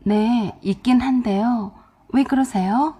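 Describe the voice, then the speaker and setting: A woman voicing a timid, slight young woman in her thirties who answers softly and politely, with a husky voice. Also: on the high side, takes it slowly. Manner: soft, hesitant and polite.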